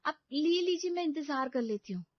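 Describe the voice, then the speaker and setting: A woman's voice: high voice, lively intonation, normal speed, no room sound, voice pushed up. A woman playing a polite young working wife. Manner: polite, deferential. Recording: dull lo-fi dry recording.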